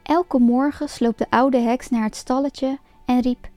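Woman storyteller with a fairly high voice, reading a fairy tale aloud, lively and expressive. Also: a little slow, dry recording. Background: faint music.

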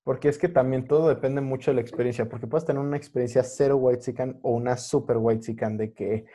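A man's voice: medium pitch, fairly even intonation, fast, dark tone. A man with a Mexican accent chatting casually as a podcast host, using lots of slang and dropping English words into his speech.

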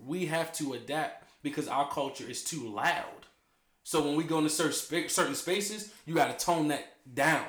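A man's voice: a little high, moderate pace, a bit bright. A man arguing emphatically in casual street slang as a podcast co-host, chatting among friends. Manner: emphatic, argumentative. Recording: echoey room.

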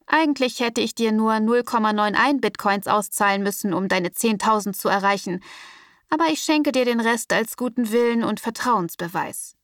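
A woman voicing a calm, cocky young man who talks in an easygoing, smug, soothing way. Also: fairly high pitch, moderate pace, no room sound, clean studio sound, far from the mic, close to an everyday voice.

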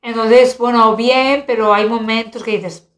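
A woman, co-hosting a podcast in casual, animated chat. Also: a little high, measured pace, reverberant. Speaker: podcast co-host.

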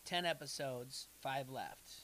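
A middle-aged man co-hosting a casual reality TV recap podcast, rambling and restarting his sentences, getting animated as he recounts scenes. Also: mid-range voice, takes it slowly, slight background noise. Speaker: podcast co-host. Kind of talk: casual chat.

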